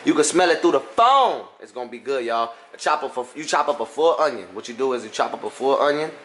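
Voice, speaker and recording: A man's voice: medium pitch, expressive, fast talker, a bit bright. A young man with a Louisiana accent, talking casually and teasing as he cooks in his home kitchen on a cooking vlog. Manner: joking, laid-back, teasing. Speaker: cooking vlogger. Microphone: phone camera on the counter. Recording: echoey kitchen with background noise.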